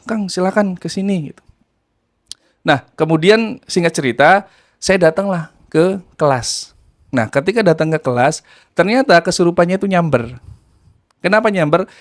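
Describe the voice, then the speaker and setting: Lively man telling a story. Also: on the high side. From Indramayu, West Java. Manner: lively, acts out quoted voices, laughs while telling. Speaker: guest telling a true story. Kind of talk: casual storytelling.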